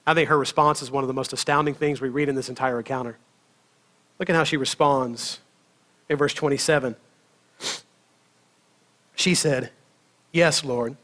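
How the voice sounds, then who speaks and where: A man's voice: mid-range voice, moderate pace, pauses often. A man preaching a sermon in a conversational way, often checking in with his listeners and laughing as he tells stories. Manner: conversational, asks the congregation "right?" often; lively storytelling, laughs between phrases. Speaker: pastor.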